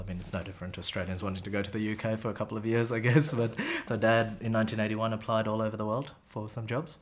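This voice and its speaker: A man's voice: on the low side, slight background noise. A man in his thirties, born in Bangladesh and raised in South Africa, a native Bengali speaker, telling his family's story in a reflective, thoughtful way. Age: 30s. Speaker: interviewee. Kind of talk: personal storytelling.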